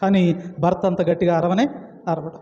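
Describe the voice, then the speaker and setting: A man's voice: high voice, fairly even intonation, moderate pace, dark tone. A man pastor preaching a sermon, emphatic and repetitive, full of rhetorical questions. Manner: emphatic, repeating phrases and asking rhetorical questions. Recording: echoey hall, dull lo-fi sound.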